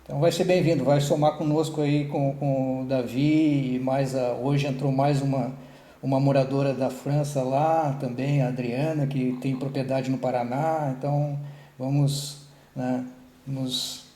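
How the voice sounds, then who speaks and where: A man's voice: medium pitch, little pitch movement, measured pace, warm tone, roomy sound. A man coordinating an online meeting, talking casually with many restarts and tag questions.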